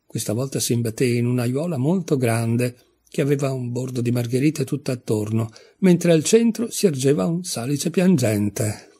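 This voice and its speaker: Male storybook narrator, calm, measured, dark husky voice. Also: mid-range voice. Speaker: audiobook reader.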